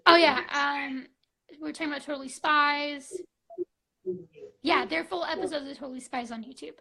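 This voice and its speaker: A woman's voice: sits high, fairly even intonation, moderate pace, gravelly, pushed and bright, low-quality recording. A woman in her twenties chatting casually on a live stream, gushing and bubbly, full of fillers like "like" and "um", on a phone mic. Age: 20s.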